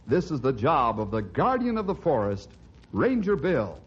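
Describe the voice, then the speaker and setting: Casting: stirring old radio drama announcer, emphatic, swooping pitch, dull vintage recording over music. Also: male voice, huge pitch swings, normal speed, slightly rough, heavily acted. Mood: stirring, dramatic. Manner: declamatory, emphatic.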